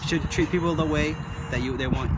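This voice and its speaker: A man's voice: fairly high pitch, fairly quick. A nineteen-year-old man from Iraq answering interview questions in a hesitant, casual way, with many fillers and restarts, recorded outdoors outside a coffee shop. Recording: loud outdoor street noise. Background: loud traffic and street noise.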